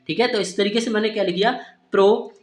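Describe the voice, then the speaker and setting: A man's voice: high voice, steady tone, fast. A man teaching Hindi speakers to read English words, spelling them out letter by letter and asking questions he then answers himself. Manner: repeats "ठीक है" and asks-then-answers questions. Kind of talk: phonics lesson for Hindi speakers. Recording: roomy echo.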